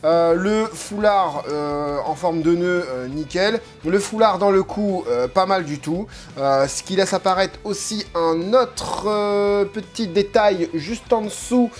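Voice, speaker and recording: A man's voice: high voice, takes it slowly, few pauses. A man casually commenting on a figurine unboxing, joking and rambling with lots of hesitant fillers. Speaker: unboxing video host. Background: faint background music.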